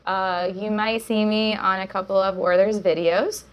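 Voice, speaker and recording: A woman's voice: medium pitch, fairly even intonation, moderate pace, lo-fi sound, a little hiss or hum. A young woman, a jiu-jitsu coach, talking as a guest in a casual chat, upbeat and full of fillers and laughs.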